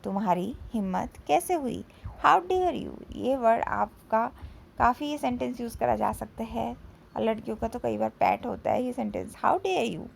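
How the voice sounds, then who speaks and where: A woman with an Indian accent teaching an English vocabulary lesson, saying each sentence in Hindi and then repeating it slowly in English. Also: fairly high pitch, lively intonation, creaky, slight background noise, low-quality recording.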